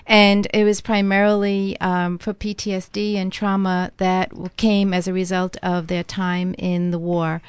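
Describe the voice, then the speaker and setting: A woman's voice: medium pitch, level tone, unhurried, hardly any pauses, smooth, dry recording. A woman being interviewed as a studio guest, answering in an earnest, reflective way with some ums. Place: radio studio.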